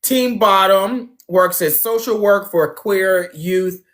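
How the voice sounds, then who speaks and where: A man's voice: high-pitched, measured pace. A man hosting a dating show on a phone livestream, chatting casually, talking straight to viewers and laughing often.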